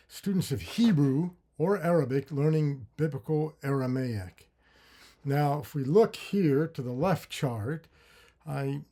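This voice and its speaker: A man teaching a lecture on consonant sounds, slowly voicing example syllables and thinking aloud with fillers and restarts. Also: mid-range voice, vocal fry, dark tone. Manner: slow, deliberate, with drawn-out syllable demos. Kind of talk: lecture on phonetics with spoken sound demonstrations.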